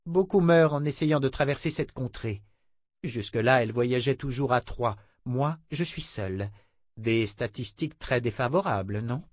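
A man's voice: mid-range voice, normal speed, no echo, studio quality, lightly acted. Man reading a cold, ruthless woman mentor. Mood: coolly stern. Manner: calm, cutting, commanding.

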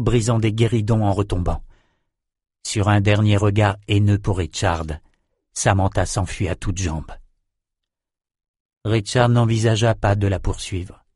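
A man reading an audiobook chapter as narrator, measured storytelling. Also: on the low side, darkish tone, dry recording, clean studio sound. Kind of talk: scripted narration.

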